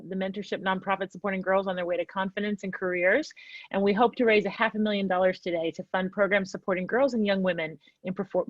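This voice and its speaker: A woman's voice: medium pitch, no echo, lo-fi sound. A woman moderating a panel discussion, guiding questions and responding appreciatively.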